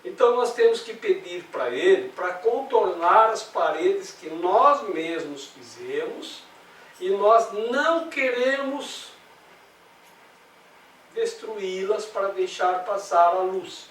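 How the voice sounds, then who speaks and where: High-voiced Brazilian man teaching. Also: expressive, takes it slowly, fairly bright tone. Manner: conversational, rhetorical questions, acts out examples. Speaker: study group leader. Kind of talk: spiritual study group talk. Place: meeting room. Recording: roomy, distant mic, faint noise.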